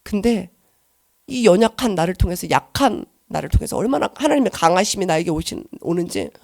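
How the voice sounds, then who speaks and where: Animated woman giving a church testimony. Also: fairly low pitch, fairly quick, vocal fry, dry recording, clean studio sound. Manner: animated, swings from soft to loud and earnest.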